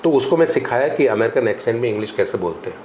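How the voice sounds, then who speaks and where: A man's voice: medium pitch, fast talker. Emphatic English-teacher man, echoey. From India. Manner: animated, emphatic teaching, mixes Hindi with English phrases and drills. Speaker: spoken English teacher and coaching director. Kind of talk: podcast interview. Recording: echoey room with faint ambient noise.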